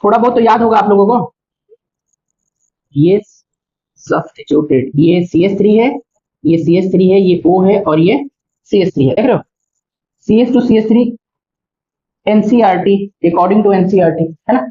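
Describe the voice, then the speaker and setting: A man's voice: high voice, normal speed, pauses often, dark tone. A male chemistry teacher giving a classroom lecture, explaining step by step and often checking in with his students. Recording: dull lo-fi recording.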